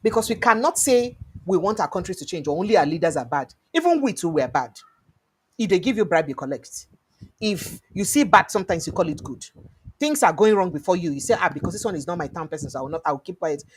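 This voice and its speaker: A Nigerian woman hosts a call-in talk show, chatting through her views with pidgin mixed in. Her voice sits low but swings up and down a lot. A faint hiss runs under it. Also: lively intonation, fast talker. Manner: chatty, mixes pidgin, laughs between points. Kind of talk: casual on-air commentary.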